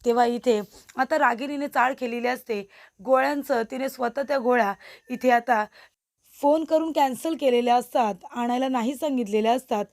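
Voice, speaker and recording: Woman recap narrator, slightly high, mellow storytelling. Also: moderate pace. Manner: storytelling, retelling scenes.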